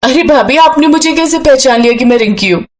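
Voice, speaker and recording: Woman doing a sweet, bright young sister. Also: sits high, brisk, pitched above the performer's own voice, close to an everyday voice. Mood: friendly. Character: gentle young sister, sweet-natured twin.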